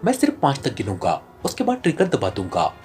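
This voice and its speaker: A narrator doing a cold, flat-voiced secret agent. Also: medium pitch, fast talker, soft background music, voice pushed down. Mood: menacing. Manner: flat, icy and menacing. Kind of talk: audiobook character reading.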